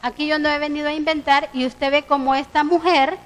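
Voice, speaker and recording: A Salvadoran woman preaching in a high voice, telling a story from daily life as part of a sermon. She acts out both sides of a conversation in a lively way. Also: brisk, rough recording. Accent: Salvadoran Spanish. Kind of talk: sermon with retold dialogue. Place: church.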